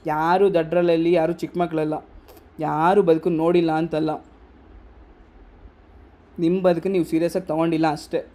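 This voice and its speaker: A young man with a Kannada accent speaks to a workshop audience, firing rhetorical questions and scolding them. His voice sits a little high but stays soft and mellow. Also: level tone, moderate pace, pauses often. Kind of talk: motivational workshop talk.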